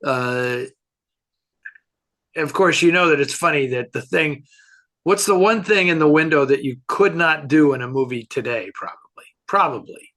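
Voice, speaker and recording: Answering questions as a film expert, this man chats casually, pausing and musing aloud as he shares his views. His voice sits a little high and has a fairly bright tone.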